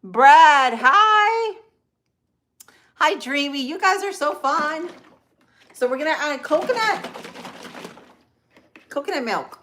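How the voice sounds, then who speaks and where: A woman's voice: sits high, lively intonation, slow, long pauses, fairly bright tone. Chatty woman with a Spanish accent. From Central Florida, United States. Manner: chatty and upbeat, greets viewers by name, talks through each step. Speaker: host of a live cooking stream. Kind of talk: casual live cooking demo, chatting with viewers. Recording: echoey room with faint background noise.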